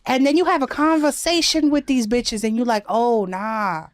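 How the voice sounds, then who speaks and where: A woman's voice: high-pitched, a little fast. A woman co-hosting a podcast, blunt and opinionated in casual chat. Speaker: podcast co-host.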